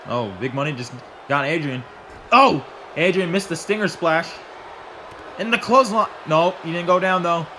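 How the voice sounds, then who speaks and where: A man doing excitable solo play-by-play of a wrestling match, swearing and breaking into shouts. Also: on the high side, normal speed, a little hiss or hum. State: out of breath. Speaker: wrestling commentator.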